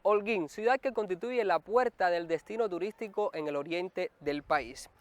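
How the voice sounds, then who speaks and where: A man with a Cuban Spanish accent, hosting an educational program in a measured, announcing delivery. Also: high voice, soft background music. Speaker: program host. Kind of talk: scripted presenting.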